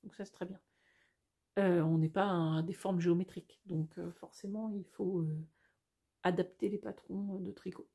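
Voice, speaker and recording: A woman's voice: fairly low pitch, steady tone, moderate pace, gravelly, dark tone, husky. A woman hosting a casual step-by-step knitting tutorial, chatty and thinking aloud as she corrects herself.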